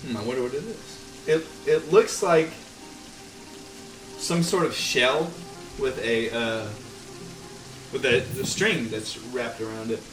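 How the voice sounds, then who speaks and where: A man's voice: medium pitch, unhurried, pauses often, fairly bright tone, roomy sound, far from the mic, soft background music, poor audio. A man running a tabletop game as game master, narrating casually and laughing often.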